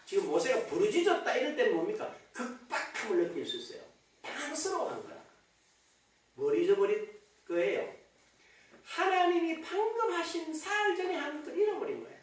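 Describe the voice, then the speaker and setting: Male pastor, animated sermon with wide pitch swings, heard from afar in a booming church hall. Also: a little fast. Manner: animated preaching with rhetorical questions to the congregation. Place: church sanctuary. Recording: echoey hall, voice from a distance.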